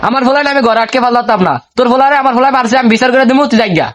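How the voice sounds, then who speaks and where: A man doing a shrill, combative neighbor woman. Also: fairly even intonation, rapid-fire, noisy background. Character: sharp-tongued neighbor woman, quarrelsome. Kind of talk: comedy skit acting.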